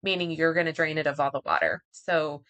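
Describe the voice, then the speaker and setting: A woman's voice: sits low, expressive, fairly quick, a bit bright. A woman co-hosts a casual podcast. She explains home maintenance in a practical, matter-of-fact way. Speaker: podcast co-host.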